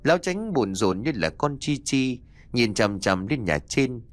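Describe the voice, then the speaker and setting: Male storyteller, animated spooky reading, dry close mic. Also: mid-range voice, a little slow, no room sound. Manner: expressive, dramatic reading. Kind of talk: ghost story narration.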